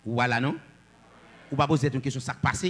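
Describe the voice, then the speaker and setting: A man preaching a sermon, swinging between loud declamations and low asides. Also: steady tone, normal speed, long reverb tail.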